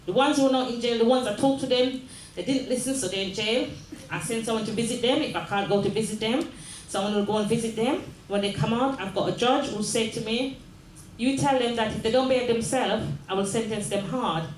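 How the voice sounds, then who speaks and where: Her fairly high voice moves fairly quickly over slight background noise. This older mayor, originally from Jamaica, delivers a heartfelt community speech in a large mayor's office room, echoey with faint ambience, repeating herself and asking the audience "yes?".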